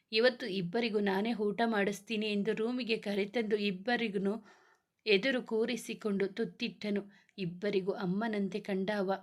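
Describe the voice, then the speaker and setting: A woman narrating a romance story in a steady, expressive reading. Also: mid-range voice.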